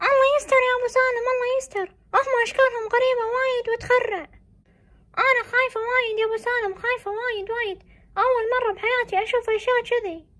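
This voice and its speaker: A fretful mother, played by a woman, anxious and exclaiming in a home-made family drama. Her voice is very high and quick. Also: fairly even intonation, a bit bright. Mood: fearful. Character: fearful mother Umm Salem, middle-aged.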